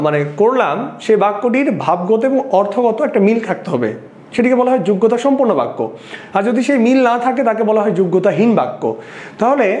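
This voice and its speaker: High-voiced male teacher in an echoey room. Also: darkish tone. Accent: Bangladeshi Bengali. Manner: explains step by step, asking and answering his own questions. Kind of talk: exam-prep lecture.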